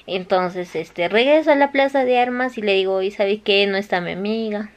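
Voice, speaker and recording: Young woman, Peruvian Spanish accent, talkative vlogger telling a story, lively voicing of quoted speech. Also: medium pitch, normal speed. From Peru. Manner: chatty, animated, acts out quoted voices. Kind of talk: casual storytelling.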